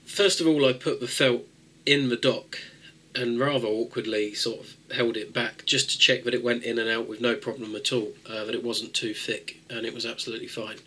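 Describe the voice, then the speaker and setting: Brisk and husky, a male tech video host with a cold talks viewers through a fix in a nasal voice, rambling casually with plenty of fillers and restarts. His voice is mid-range with fairly even intonation and a bright, forceful tone.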